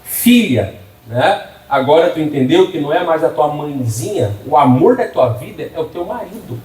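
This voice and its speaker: Middle-aged male pastor, folksy and joking, mellow tone, echoey church sound. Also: fairly high pitch, animated, normal speed, far from the mic, a little hiss or hum. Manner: humorous, folksy preaching with frequent call-and-response. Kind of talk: sermon.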